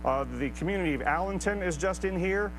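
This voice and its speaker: A man's voice: brisk, soft background music, rough recording. A man, a meteorologist, giving a detailed and precise live technical weather briefing. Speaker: hurricane expert meteorologist. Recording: clear hum and rumble of noise.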